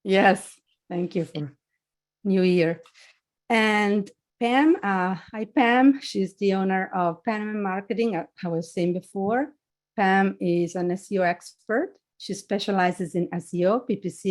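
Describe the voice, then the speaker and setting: A woman's voice: mid-range voice, darkish tone. Woman hosting a webinar on a video call. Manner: friendly, runs through housekeeping notes. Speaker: webinar host.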